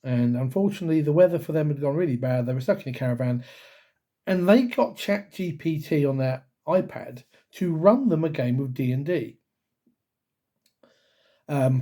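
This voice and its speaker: Dark-voiced man with a lingering cough. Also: mid-range voice. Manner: rambling with many ums and self-corrections. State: recovering from a cough, slightly croaky. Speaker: YouTube D&D channel host. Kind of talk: casual vlog talk to camera.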